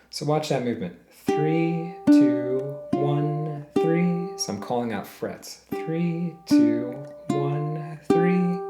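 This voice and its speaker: A man teaching a ukulele lesson step by step, patiently calling out frets and counting beats aloud. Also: lowish voice. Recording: roomy sound with loud ukulele playing.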